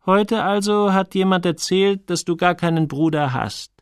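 A man voicing a curious, teasing grown woman with a light, unhurried way of talking, in an audiobook. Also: sits high, clear, resonant tone, dry recording, clean studio sound, pitched above the performer's own voice.

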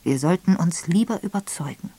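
Woman doing an old lady detective, firm, measured, clear, audiobook. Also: lowish voice, expressive, mellow. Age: older. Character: elderly spinster sleuth, firm and authoritative.

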